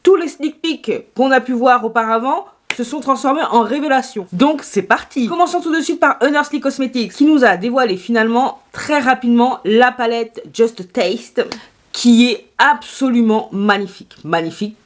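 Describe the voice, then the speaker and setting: A woman's voice: sits high, normal speed, few pauses. A woman chatting through a makeup haul video, playful and self-mocking, talking straight to her viewers. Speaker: beauty YouTuber.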